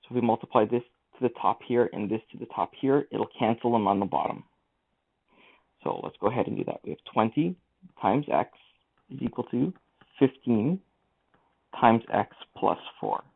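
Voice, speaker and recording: Man, math teacher, step-by-step explaining, gravelly, tinny phone-like sound. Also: mid-range voice, lively intonation, moderate pace, long pauses. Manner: step-by-step explaining, talks through the working aloud. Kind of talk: screen-recorded lesson walkthrough. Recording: tinny lo-fi mic.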